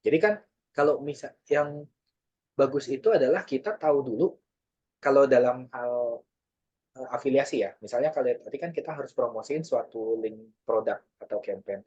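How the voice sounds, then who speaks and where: Husky-voiced man teaching casually. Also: mid-range voice, normal speed, muffled recording. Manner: relaxed, chatty, often acts out example lines. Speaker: workshop speaker. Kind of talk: casual online workshop talk.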